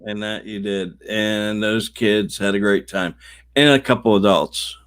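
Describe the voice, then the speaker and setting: A man with a lowish voice trades casual banter as a racetrack co-host, dropping short teasing remarks. His sound is close and dry, with no room around it. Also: unhurried, fairly bright tone, clear, resonant tone, no room sound. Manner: brief dry interjections, teasing. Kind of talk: casual chat.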